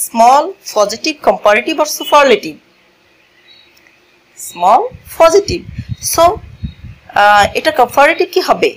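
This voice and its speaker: Slow, patient woman teaching grammar. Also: fairly high pitch, very animated, poor audio. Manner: slow, repeats key words and asks the class questions; switches between languages mid-lesson. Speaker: English teacher. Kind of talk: classroom grammar lesson. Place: classroom with a board.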